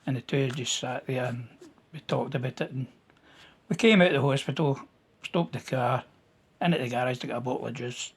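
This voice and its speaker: A man with a Scottish accent telling his own story in a plain-spoken, halting way, with restarts and local words. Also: medium pitch, slightly rough. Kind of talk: casual storytelling to camera.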